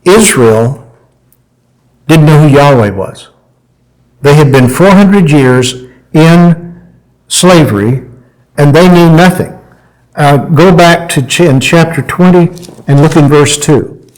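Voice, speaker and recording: A man's voice: fairly high pitch, takes it slowly, pauses often, a little mellow, poor audio. Conversational male Bible teacher. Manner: conversational, asks the audience questions, voices God in quotes. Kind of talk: informal sermon teaching.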